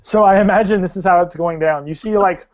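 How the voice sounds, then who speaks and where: Man, game master, tabletop narration, halting with restarts, slightly high voice, muffled lo-fi sound. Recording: dull lo-fi audio.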